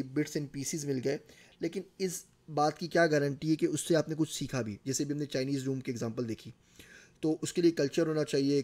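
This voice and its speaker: A man's voice: fairly high pitch, warm tone. A middle-aged man with a Pakistani Urdu accent giving a recorded course lecture, explaining ideas through everyday examples.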